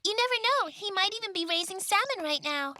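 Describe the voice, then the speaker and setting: A woman's voice: very high voice, lively intonation, brisk, noisy background. A woman voicing an agreeable, matter-of-fact young schoolchild in an overacted anime dub.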